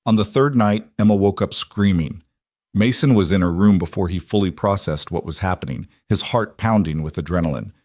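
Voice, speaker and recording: A man narrating a scripted story in a calm, even manner. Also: sits low, fairly quick, no room sound, clean studio sound.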